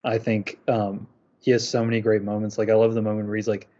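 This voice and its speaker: A young man hosting a podcast, talking through his rankings in a casual, measured way. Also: fairly low pitch, little pitch movement, dark tone. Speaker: podcast host. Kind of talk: casual chat. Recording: muffled lo-fi audio.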